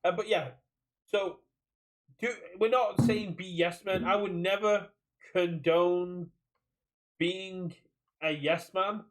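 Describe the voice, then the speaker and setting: A man's voice: sits high, steady tone, takes it slowly, pauses often, poor audio. A British man co-hosting a casual podcast chat, rambling and repeating his phrases as he goes. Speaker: podcast co-host. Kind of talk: casual chat about a card game community.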